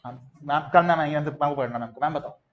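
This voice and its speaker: Brief: young male teacher, high voice, playful call-and-response drilling, slightly muffled classroom recording. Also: fast talker. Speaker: commerce teacher. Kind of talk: classroom lecture. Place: classroom with students.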